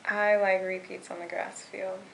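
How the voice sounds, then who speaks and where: A woman's voice: mid-range voice, flat delivery, normal speed, vocal fry, fairly bright tone, slight background noise, poor audio. A 21-year-old woman, a college runner, giving terse, short interview answers. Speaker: college cross-country runner.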